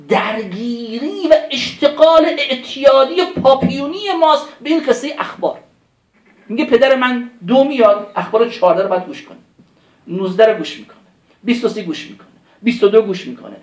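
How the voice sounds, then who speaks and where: Impassioned male preacher in an echoey room. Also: very high voice. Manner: impassioned, pleading rhetorical questions; recites verses in Arabic. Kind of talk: religious sermon. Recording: roomy echo.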